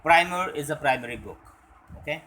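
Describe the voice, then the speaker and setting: A young man teaching, reading a story aloud and then explaining it line by line, with halting explanations full of fillers. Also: fairly high pitch, expressive, sharp tone, poor audio.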